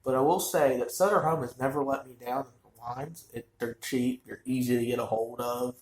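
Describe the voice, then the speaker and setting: A man's voice: medium pitch, fairly even intonation, normal speed, roomy sound. A man talking casually and rambling with lots of fillers as he reviews a wine in his own vlog. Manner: rambling, chatty, frequent fillers. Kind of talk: casual chat.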